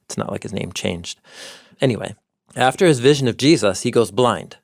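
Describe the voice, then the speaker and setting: A Bible teacher co-hosting a podcast explains old texts and word meanings with scholarly enthusiasm, citing ancient sources. His voice is fairly low, gravelly and expressive at a normal pace. The sound is studio quality with no room sound.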